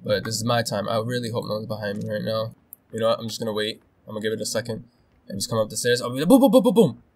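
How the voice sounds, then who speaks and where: A young man commentating his own game as he plays, excitable and swearing, swinging between nervous muttering and loud outbursts. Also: fairly low pitch, rapid-fire, slight background noise. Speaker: gaming video host. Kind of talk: casual gameplay commentary.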